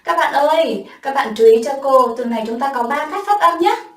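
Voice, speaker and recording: A woman English teacher giving a bilingual classroom vocabulary lesson, saying words slowly and clearly for pupils to repeat. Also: high-pitched, animated, recorded from a distance, soft background music. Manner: slow drawn-out repetition of words for pupils to copy. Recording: echoey room, voice from afar.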